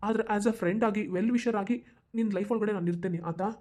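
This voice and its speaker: A woman voicing a calm, persuasive young husband in a cartoon, with a North Karnataka accent. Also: mid-range voice, fast talker, lightly acted. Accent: North Karnataka Kannada. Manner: coaxing, reassuring. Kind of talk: cartoon voice acting.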